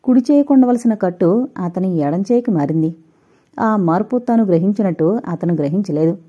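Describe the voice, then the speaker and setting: A woman's voice: medium pitch, lively intonation, normal speed, dark tone, slightly rough. A woman reading a novel aloud as an audiobook narrator, voicing the characters' dialogue lightly in her own voice. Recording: dull lo-fi recording.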